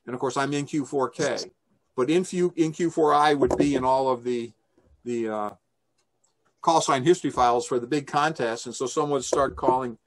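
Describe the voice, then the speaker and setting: An older man gives an informal slide briefing over a video call from a small indoor room. His mid-range voice, picked up by the video call microphone over a noisy background, sounds conversational and enthusiastic.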